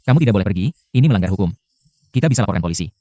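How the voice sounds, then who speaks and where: A man's voice: lowish voice, expressive, racing, mellow, no room sound, natural voice. An actor voicing a man who urgently warns the others, in a dubbed short drama. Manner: urgent, warning.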